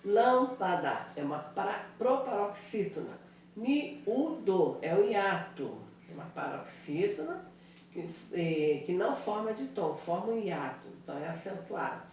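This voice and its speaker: A woman's voice: mid-range voice, sing-song, unhurried, darkish tone, slight background noise. A woman teacher correcting exercises in an online class, explaining step by step and often checking in with the students. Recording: very echoey room, voice far from mic.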